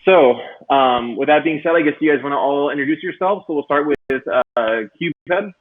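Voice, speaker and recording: A man's voice: on the high side, normal speed. A man hosts an online stream, his speech loose and chatty. His voice comes through a robotic, metallic-sounding mic, thin and phone-like over the call. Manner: loose and chatty, many fillers. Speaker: livestream host. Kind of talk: casual livestream hosting. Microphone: computer mic on a video call.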